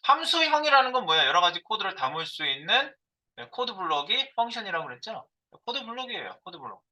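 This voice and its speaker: A man's voice: high voice, very animated, fast talker, pushed and bright, poor audio. A middle-aged man giving a live coding lecture as a programming instructor. He thinks aloud while he types, asking and answering his own questions.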